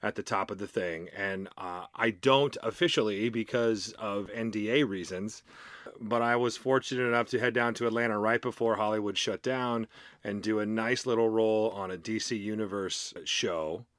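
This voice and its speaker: A man's voice: on the low side, steady tone, moderate pace, fairly bright tone, dry recording, clean studio sound. A man guesting on a podcast as an actor, telling anecdotes in a casual, friendly and self-effacing way. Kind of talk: casual anecdotal interview chat.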